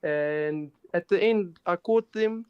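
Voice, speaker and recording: A man's voice: sits high, slow, smooth, no echo, highs cut off. A man, a sim racing driver, recounting his race in a matter-of-fact way and often restarting words. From South Africa. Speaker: racing driver, interview guest. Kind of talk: post-race interview.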